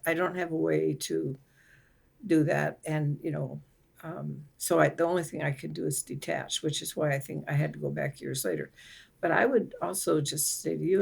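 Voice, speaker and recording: A woman author joins a podcast as a guest, her voice heavy with a gravelly fry. She explains her ideas reflectively, sometimes restarting a thought as she works it through. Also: low-pitched, a little mellow. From Nigeria. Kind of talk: conversational interview.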